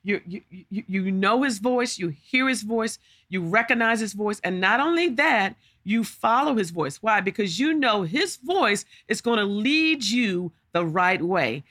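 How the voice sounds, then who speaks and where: A woman's voice: mid-range voice, animated, unhurried, hardly any pauses, fairly bright tone, no room sound, studio quality. A woman preaching a podcast sermon, emphatic and full of rhetorical questions and repeated words.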